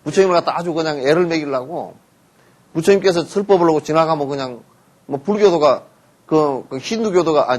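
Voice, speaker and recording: A man giving a Buddhist sermon, telling stories, acting out parents and children in quotes, and often asking listeners to agree. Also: on the high side. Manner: lively storytelling, acts out parents and children in quotes, asks listeners for assent. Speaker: Buddhist teacher giving a dharma talk.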